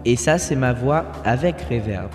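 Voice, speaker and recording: A man's voice: medium pitch, animated, moderate pace, soft background music. A male radio reporter whose voice is run through studio effects, reverb, chorus and a digital echo.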